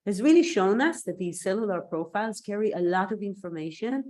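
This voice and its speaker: An Israeli scientist and native Hebrew speaker, invited to give a thoughtful online seminar, talks over a video call at medium pitch. Her delivery is expressive, slightly quick, and a little mellow. She is recovering from an illness and coughs from time to time.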